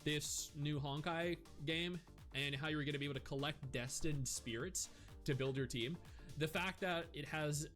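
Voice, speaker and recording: A man's voice: a little high, moderate pace, fairly bright tone, faint music behind. A man going over gaming news in casual commentary, thinking aloud with fillers as he reads out and reacts to a list of upcoming games. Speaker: gaming video creator.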